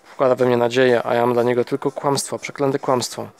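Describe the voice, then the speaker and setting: A man's voice: medium pitch, brisk, gravelly, smooth. Man narrating a novel in first person. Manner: steady, with small slips and restarts. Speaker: audiobook narrator.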